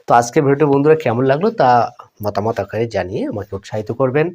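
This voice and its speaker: A man, giving a pronunciation lesson and repeating each word slowly while addressing viewers as friends. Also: medium pitch, lively intonation, a little mellow. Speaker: English pronunciation teacher. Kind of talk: Bengali-language video lesson.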